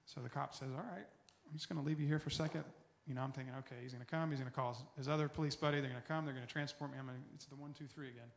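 A man in his forties giving an earnest personal recovery testimony, often dropping soft and low as he tells his story. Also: steady tone, very fast, gravelly, few pauses, slight background noise.

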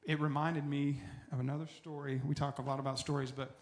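A man in his forties shares an earnest testimony about his personal recovery, his voice often sinking soft and low as the story unfolds. He keeps a level tone and a brisk pace.

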